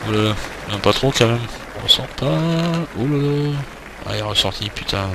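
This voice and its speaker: A man's voice: fairly low pitch, fairly even intonation, quick pace, vocal fry, crowd noise. A man casually commenting on his gameplay, with informal, muttered reactions. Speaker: gameplay video creator. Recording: noisy, game audio behind. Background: game sound and ambience.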